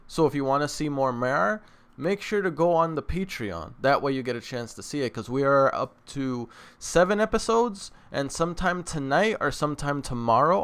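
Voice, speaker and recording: A mid-range, slightly bright male voice belongs to an anime reaction channel host. He chats away informally to viewers in slang, repeating himself for emphasis.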